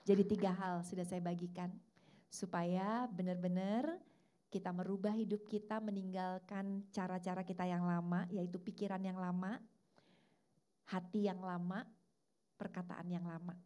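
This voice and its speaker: A woman pastor giving a lively church sermon, animated and leading the congregation in call-and-response. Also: lowish voice, normal speed.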